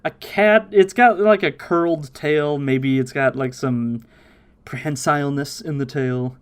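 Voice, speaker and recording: A man hosting a casual podcast, recapping episodes in an animated way and slipping into impressions of the characters. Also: a little high, measured pace, smooth. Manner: animated, mimics characters' voices while recapping. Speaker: podcast host.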